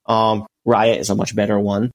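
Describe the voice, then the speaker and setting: In a fairly low, monotone voice at normal speed, a man co-hosting a sports podcast chats casually and at length. His talk wanders, full of restarts, filler words and repeated "you know"s.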